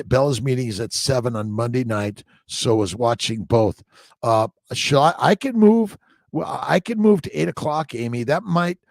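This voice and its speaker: An American man with a gravelly, mid-range voice hosts an informal morning livestream, a fertility doctor giving a motivational chat with passages read aloud. He urges listeners on in short, repeated phrases and loose asides. The recording is dry and studio quality.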